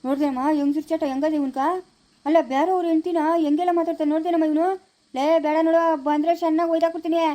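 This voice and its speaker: An angry young son, acted by a woman blusters threats in a Chikkaballapura Kannada accent. The delivery is rapid and high-pitched, with a dark, mellow tone, like a rustic village comedy skit. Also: steady tone. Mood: furious. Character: hot-tempered young son defending his mother.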